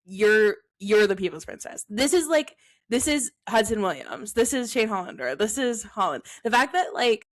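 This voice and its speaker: A woman's voice: mid-range voice, fairly bright tone. A young woman co-hosting a casual podcast, rambling and laughing often as she talks. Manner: giggly, rambling fan talk. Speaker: podcast co-host. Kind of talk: casual chat.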